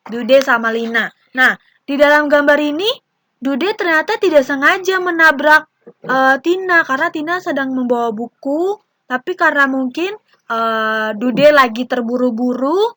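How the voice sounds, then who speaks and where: A woman's voice: high-pitched, expressive, moderate pace, bright, forceful tone, no echo. A young woman teacher with an Indonesian accent, patiently explaining a lesson to young children and acting out short example dialogues.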